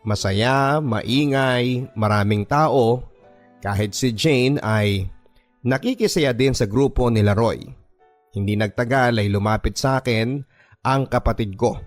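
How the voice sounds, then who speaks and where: Over a bed of background music, a Filipino-accented man narrates a first-person story in the scripted, dramatic style of a radio drama. His voice sits in the mid range, and he takes his time.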